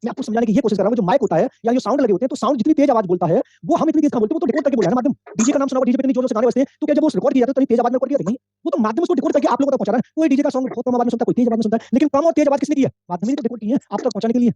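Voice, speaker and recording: A man's voice: extremely high pitch, racing, hardly any pauses, mellow, lo-fi sound. A male teacher giving an online exam-prep lecture, explaining step by step, repeating key points and quizzing his students. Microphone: microphone.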